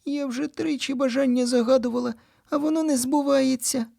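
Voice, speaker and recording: A man's voice: steady tone, brisk, gravelly, no echo, studio quality, heavily acted. A man voicing a tearful young schoolgirl in a children's audiobook. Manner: soft, high, weepy voice.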